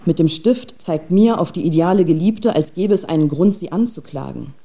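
A woman narrating a radio drama in a calm, measured storytelling manner. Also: lowish voice.

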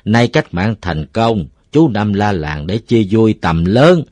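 A man's voice: lowish voice, big pitch swings, slow pace, dry recording. A man doing a hearty jovial old villager. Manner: loud, hearty, rallying others. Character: jovial older village man, quick to laugh.

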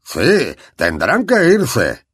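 Huffy, blustering minister read by a male narrator, husky, big swings. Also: mid-range voice, wildly swooping pitch, very slow, a bit bright, dry recording, clean studio sound, exaggerated voice. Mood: flustered. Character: flustered, pompous middle-aged male minister.

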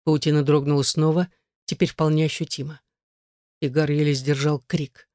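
An audiobook narrator with a mid-pitched voice, reading in a measured, dramatic way. The sound is dry and close. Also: flat delivery, darkish tone, no echo.

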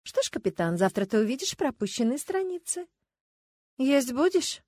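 A woman narrating an audiobook in an even, plain storytelling manner. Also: a little high, fairly quick, no room sound. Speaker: audiobook reader. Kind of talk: scripted narration.

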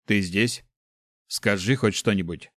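A man reading a weeping dark mage who pleads with a dying woman, in an audiobook. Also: lowish voice, slow pace, no room sound, clean studio sound. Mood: grieving. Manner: strained, tearful pleading.

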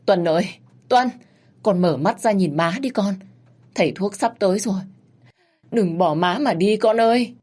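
A woman narrator voicing a harsh, anxious older mother who speaks loudly and wails. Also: moderate pace, pauses often, close to an everyday voice. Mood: wailing. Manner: loud, shrill, wailing.

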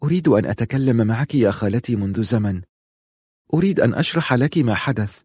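A man's voice: mid-range voice, expressive, quick pace, darkish tone, breathy edge, dry recording, studio quality. A man voicing an earnest young woman in an audiobook, lifting his voice into a pleading tone.

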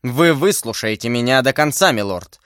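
A grim young officer presses his demands in a solemn, insistent voice, as a male narrator reads him. The voice sits at an ordinary middle pitch, close and dry. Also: lively intonation, normal speed, fairly bright tone, clean tone, no room sound, close to an everyday voice. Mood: stern. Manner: insistent, solemn, building heat. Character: grim fanatical young officer, stern and unyielding. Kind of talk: audiobook character voice.

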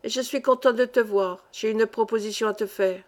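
A grave, reserved young mine overseer who answers quietly and with few words, read by a woman in an audiobook. The voice is fairly high and stays close to the reader's own. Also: normal speed, lightly acted. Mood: calm. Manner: calm, grave, brief. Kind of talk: audiobook dialogue reading.

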